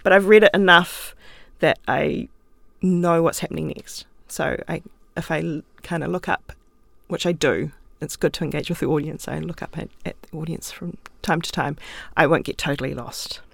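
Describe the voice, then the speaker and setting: Gravelly New Zealand woman, chatty guest. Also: low-pitched, moderate pace, few pauses, dry recording. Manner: chatty, laughs often, thinks aloud. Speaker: guest writer. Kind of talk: relaxed interview talk. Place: recording studio.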